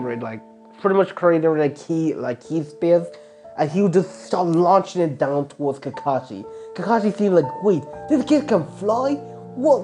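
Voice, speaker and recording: A man's voice: on the high side, warm tone. A man casually improvising a fan fiction story, rambling with constant filler words and restarts.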